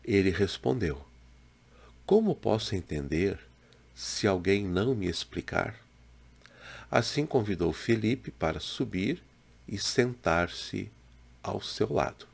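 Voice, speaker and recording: A man in his sixties from Brazil, a pastor giving a slow, measured daily devotional to a webcam in a small home room. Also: lowish voice, expressive, vocal fry, slightly rough. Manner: slow, measured, gentle preaching with pauses. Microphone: webcam in front, head and shoulders.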